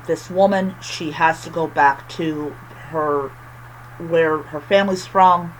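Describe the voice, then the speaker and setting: A book reviewer chatting casually with a lisp and whistling s from missing teeth, halting often and repeating phrases. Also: mid-range voice, slight background noise, low-quality recording.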